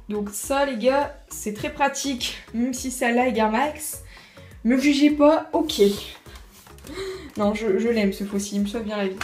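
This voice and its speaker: A woman's voice: on the high side, a little mellow. A teenage girl chatting casually through a tour of her bedroom, rambling and full of fillers. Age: teens. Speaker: vlogger giving a room tour. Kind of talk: casual chat. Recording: roomy bedroom echo, faint music.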